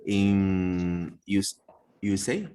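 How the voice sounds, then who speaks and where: A man's voice: low-pitched, takes it slowly, dark tone, smooth. A man, a student answering hesitantly and mixing into his English. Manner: hesitant, mixes Spanish and English.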